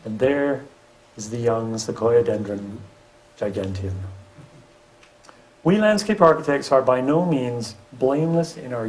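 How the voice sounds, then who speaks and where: A middle-aged professor and landscape architect gives a public lecture with slides, delivering it lively and dropping wry asides. His medium-pitched voice comes through on a rough recording.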